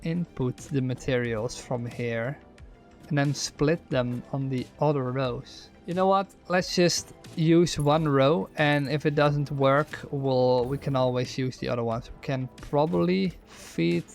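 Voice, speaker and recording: Playing a factory-building game on stream, a young man with a Dutch accent muses aloud, restarts words and reads out viewers' chat questions. His medium-pitched voice is gravelly and measured, over soft background music.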